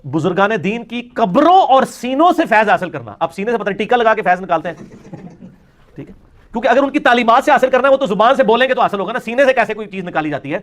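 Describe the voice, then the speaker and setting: Male religious lecturer, fairly high voice, Punjabi-flavored Urdu, dry sarcastic delivery. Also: expressive, fairly bright tone. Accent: Punjabi-inflected Urdu. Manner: sarcastic, mimics opponents in quoted asides.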